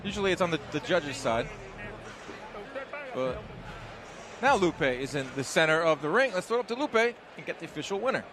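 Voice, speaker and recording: A man's voice: fairly high pitch, expressive, moderate pace, pauses often, noisy background. A man hosting a live boxing broadcast, giving play-by-play and recaps as a commentator. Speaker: play-by-play host.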